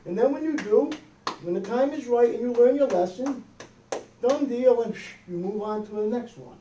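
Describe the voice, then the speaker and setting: Preaching at a moderate pace, this American pastor in middle age has an extremely high, warm voice and keeps checking in with "okay?" and "amen?" as he talks conversationally. The small church hall has a wood-paneled wall; recorded from a distant camera with no visible mic, it sounds echoey, with a little hiss or hum.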